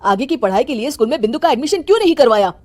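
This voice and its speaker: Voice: high voice, big pitch swings, very fast, background noise. An actor voicing an indignant, protective father in a moral story, speaking firmly with reproach and reassurance. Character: indignant protective father defending his daughter's schooling.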